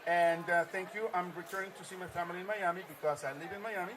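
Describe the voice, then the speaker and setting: A man's voice: high voice, steady tone, quick pace, crowd noise. A man hosting a live stream from a trade-show floor, reading viewer comments aloud and echoing his guests' answers in an upbeat way. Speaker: livestream host.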